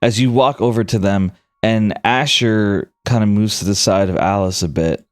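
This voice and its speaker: A man's voice: lowish voice, steady tone, moderate pace, no room sound, studio quality. A man narrating a tabletop game casually as game master.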